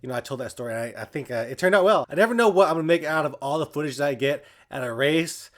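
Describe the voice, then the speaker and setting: A man's voice: a little high, lively intonation, racing. A man chatting casually to his viewers as a running vlogger. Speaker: running vlogger and channel host.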